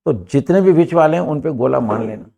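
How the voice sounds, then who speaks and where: A man's voice: a little high, animated, normal speed, creaky, mellow. An older man with an Indian accent teaching English to a class, asking emphatic rhetorical questions, recorded from a far camera in a classroom. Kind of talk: classroom lesson.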